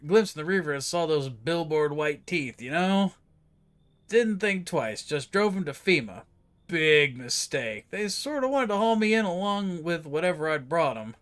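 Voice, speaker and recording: A man's voice: fairly high pitch, a bit bright, voice pushed up. A man doing a jittery cabbie on the run. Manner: jittery, rambling slang. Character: nervous fast-talking male cabbie on the run.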